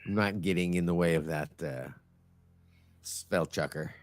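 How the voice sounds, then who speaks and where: A man's voice: low voice, a little slow. A man playing a tabletop game and joking dryly. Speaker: player. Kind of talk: casual tabletop play.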